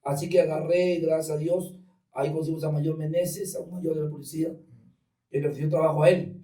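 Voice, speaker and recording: Man, testimony guest, animated storyteller, higher voice, mellow tone, roomy off-mic sound. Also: brisk, far from the mic. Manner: animated storyteller acting out dialogue. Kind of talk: personal testimony in conversation.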